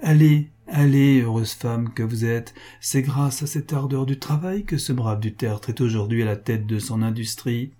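Good-natured bachelor guy, hearty and humble, man reading him, husky dark voice. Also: medium pitch, normal speed, few pauses, lightly acted. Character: good-natured thirty-eight-year-old bachelor, modest and jovial.

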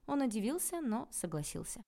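A woman narrating a first-person audiobook in a lively, ironic storytelling manner. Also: fairly high pitch, brisk, creaky.

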